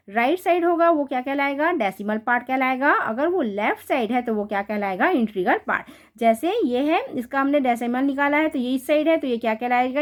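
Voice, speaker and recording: A woman math teacher, explaining a lesson and answering her own questions. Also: sits high. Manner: reads English definitions slowly, then explains with repeated rhetorical questions.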